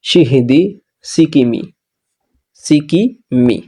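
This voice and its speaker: A man's voice: medium pitch, extremely slow, mellow, breathy edge. A man with a Bangladeshi Bengali accent teaching Quran recitation, patiently spelling out letters and syllables and repeating them. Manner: patient, repeats each syllable and corrects mistakes.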